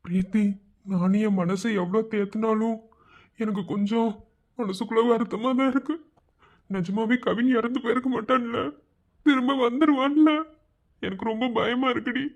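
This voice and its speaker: A woman's voice: on the high side, steady tone, normal speed, long pauses, lightly acted. A woman voicing a bantering young husband. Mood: worried. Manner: bantering, turns fearful over a missing friend. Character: young husband, teasing yet soft-hearted. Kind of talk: fan-made cartoon voice acting.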